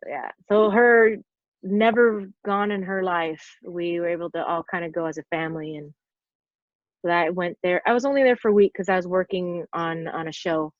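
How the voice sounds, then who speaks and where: A woman in her forties, a stunt performer, guests on a podcast and chats casually, rambling through her stories with lots of "like" fillers. Her voice sits on the low side at a moderate pace. The recording is dull, dry, and lo-fi, with no room sound.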